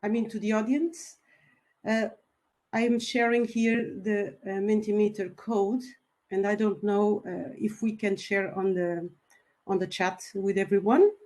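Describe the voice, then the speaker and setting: A woman from Portugal opens a webinar talk over a video call. Her voice sits at a middle pitch, polite and measured, with small hesitations and fillers as she gets going. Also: fairly even intonation, darkish tone. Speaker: webinar speaker, company founder. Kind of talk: online webinar presentation.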